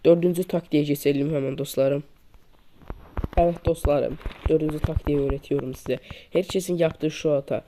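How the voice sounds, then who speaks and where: A man's voice: steady tone, normal speed, slight background noise. Man teaching game tactics over gunfire. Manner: repetitive demonstrative instructions, addresses viewers as friends. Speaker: mobile shooter game tips creator. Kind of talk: casual gameplay tutorial over screen recording. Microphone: poor-quality microphone. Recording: low-quality mic with loud gunfire game sounds. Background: game gunfire and clicks.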